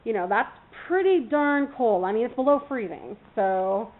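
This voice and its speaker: A woman's voice: on the high side, animated, normal speed. A woman from California chatting casually in a vlog, rambling with lots of fillers and breaking off to talk to her puppy. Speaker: vlogger. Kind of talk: casual chat. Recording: tinny phone-like sound.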